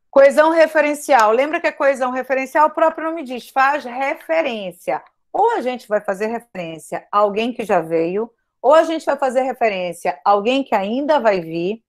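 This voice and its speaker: A woman writing teacher giving an online grammar lesson. She speaks emphatically, repeats her points, stretches stressed words, and talks straight to her students. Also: high voice.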